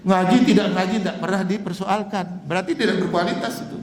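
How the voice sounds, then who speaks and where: A man preaching a lively sermon, animated and chuckling, asking his listeners rhetorical questions. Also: high-pitched, fast talker, slight background noise. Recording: echoey hall, long reverb, faint ambience.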